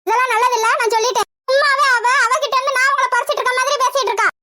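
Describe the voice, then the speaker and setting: A woman's voice: very high-pitched, steady tone, racing, bright, forceful tone, dry recording, clean studio sound. A woman voicing a jealous, anxious young wife in a cartoon, scolding and fretful. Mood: suspicious. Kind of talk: Tamil cartoon voice acting.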